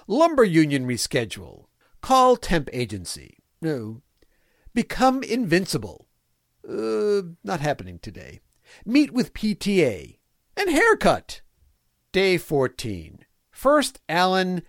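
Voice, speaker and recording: A man's voice: on the high side, a bit bright, no echo, studio quality, heavily acted. A man voicing a folksy, fatherly villain mayor who dictates his diary in clipped, prim phrases for a comic reading. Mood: brisk, upbeat, then downcast. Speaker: reader of a fan fiction comedy podcast.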